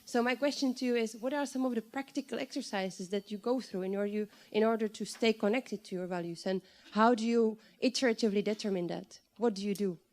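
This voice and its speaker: Audience woman, mid pitch, careful searching question. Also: fast, hardly any pauses, darkish tone. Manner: thoughtful, searching phrasing. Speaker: audience member asking a question.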